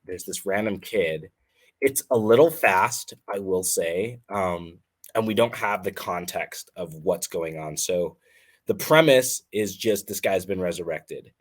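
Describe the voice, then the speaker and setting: Male writing coach, very low voice, chatty and informal critique. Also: measured pace. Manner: casual, chatty, frequent "like". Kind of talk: reading aloud and critiquing a reader's story.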